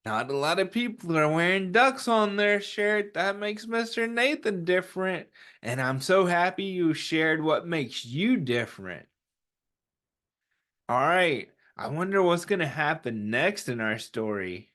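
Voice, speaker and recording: An animated man with a high, fairly bright voice speaks at a measured pace while hosting a children's story time. He reads aloud and chats encouragingly with young listeners, often asking questions only to answer them himself.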